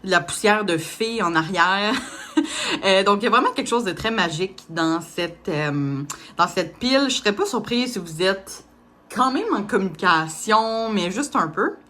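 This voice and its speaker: A woman's voice: medium pitch, animated, moderate pace, sharp tone. A woman reading tarot cards, speaking casually with many hesitations and small laughs. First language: French. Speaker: tarot reader.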